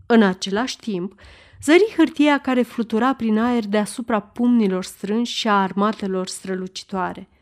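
A woman reading a historical novel aloud in a measured, steady narrating voice. Her pitch sits at an ordinary middle level, and she lets the sentences unfold at an unhurried pace.

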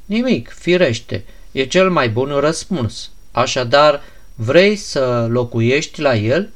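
A man's voice: mid-range voice, animated, natural voice. A man voicing a grave, stern young woman. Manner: curt, serious.

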